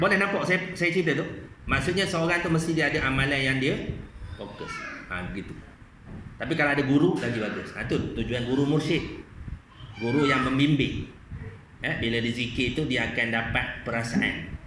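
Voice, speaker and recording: Bright-voiced man lecturing. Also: mid-range voice, fairly quick, a little hiss or hum. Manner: conversational, keeps checking in with rhetorical questions. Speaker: religious lecturer. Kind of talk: evening mosque lecture. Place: mosque. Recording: echoey mosque hall.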